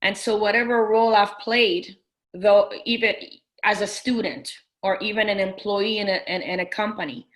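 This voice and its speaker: Speaking at normal speed with fairly even intonation and a medium pitch, a middle-aged woman business coach of Persian background answers casual interview questions earnestly. She keeps restarting and filling pauses, and the audio quality is poor.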